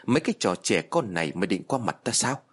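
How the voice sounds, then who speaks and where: A man's voice: on the low side, big pitch swings, fast talker, husky. A man voicing a stern, arrogant old male exorcist who scolds and gives orders in a storybook tale. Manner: commanding, scolding.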